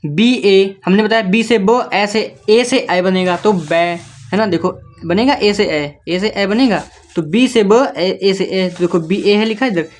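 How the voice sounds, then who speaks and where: A man teaching beginners to read, going letter by letter and checking in with the listener. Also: high voice. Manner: patient, spells words letter by letter, keeps checking in with the listener. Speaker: English reading teacher. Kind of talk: step-by-step spoken lesson.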